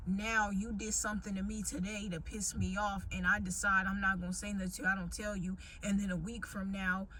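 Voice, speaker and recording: A young American woman talks to her viewers in a casual, candid rant. Her delivery is emphatic and full of slang and swearing, at a medium pitch. Clear background noise with vehicle ambience runs under the voice. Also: flat delivery, fairly quick, few pauses, pushed and bright. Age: 20s. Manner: slangy, profanity-heavy, emphatic. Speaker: vlogger.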